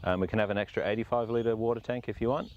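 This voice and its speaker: Low-voiced, easygoing Australian man. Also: steady tone, fast, a little mellow, lo-fi sound, slight background noise. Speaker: product demonstrator. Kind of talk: casual product walkthrough. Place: outdoors and inside a camper.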